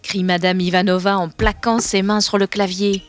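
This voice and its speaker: A woman reading a children's storybook aloud, softly and expressively. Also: mid-range voice, little pitch movement, normal speed, no room sound.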